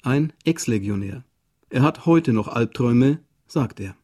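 A man narrating a radio documentary from a script, measured and even. His voice sits mid-range with a dark, mellow timbre. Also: medium pitch, a little hiss or hum.

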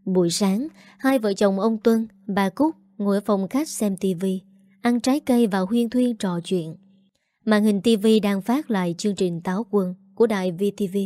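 A woman narrating a scripted audio story in a calm, steady manner. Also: medium pitch, moderate pace, no room sound.

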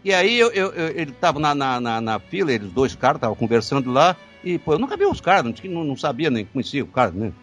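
Animated, laughing male voice actor. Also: mid-range voice, fast talker, few pauses, faint music behind. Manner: animated, laughing, stammering repeats. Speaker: voice actor guest. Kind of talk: casual storytelling chat.

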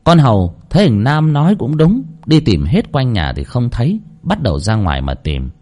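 A man's voice: medium pitch, wildly swooping pitch, moderate pace, warm tone. Man narrating a ghost story dramatically. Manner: dramatic, swooping delivery.

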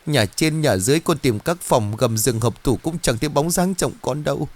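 A man's voice: animated, moderate pace. A man doing a tearful begging woman. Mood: pleading tearful. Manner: tearful, pleading, high-pitched. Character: desperate middle-aged woman begging for help.

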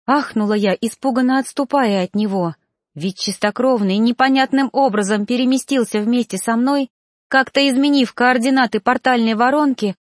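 A woman's voice: high-pitched, no room sound. Female audiobook narrator, emotive first-person delivery, dry sound. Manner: emotive, dramatic.

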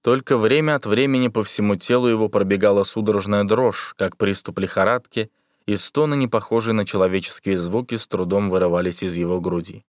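A man narrating an audiobook in a steady, measured way. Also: lowish voice, no echo, studio quality. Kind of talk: scripted narration.

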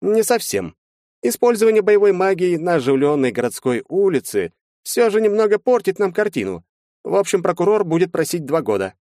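Guy doing a slick smiley lawyer, higher voice, glib and soothing, dry close mic. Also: sing-song, a little fast, a little mellow, no room sound. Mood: smooth. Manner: glib, reassuring, falsely smiling. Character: smooth slick middle-aged male lawyer.

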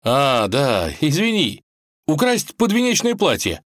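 A man voicing an eager, excitable young tsarevich in a high, pleading voice, read as a storybook. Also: measured pace, dry recording, clean studio sound, heavily acted. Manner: high-pitched, breathless, pleading.

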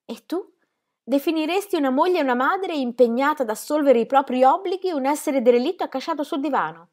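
A woman reading the part of a stern middle-aged male pastor, asking measured, incredulous questions. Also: high-pitched, lively intonation, darkish tone, voice pushed up.

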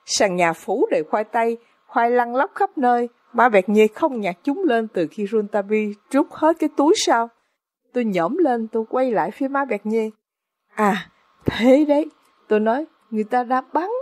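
A woman's voice: fairly high pitch, expressive, moderate pace, a little mellow, no room sound. Woman narrating a suspenseful audiobook. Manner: dramatic, suspenseful storytelling.

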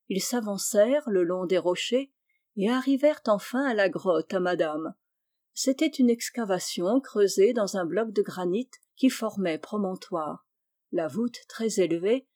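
A woman reading a classic story aloud in measured, descriptive narration. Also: medium pitch, mellow, dry recording, clean studio sound. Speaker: reader.

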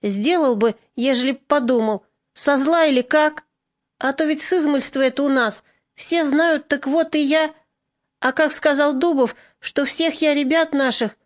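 A woman voicing an impulsive young partisan, pleading and rough. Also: high-pitched, moderate pace, voice pushed up, natural voice. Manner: heartfelt, pleading, rough folk speech. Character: young male partisan orderly, ashamed, impulsive. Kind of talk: audiobook reading.

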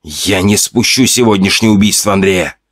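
A man voicing a nervous, breathless nobleman in a horror audiobook, speaking in hurried, panting bursts. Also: low-pitched, a bit bright, no echo. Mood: vengeful.

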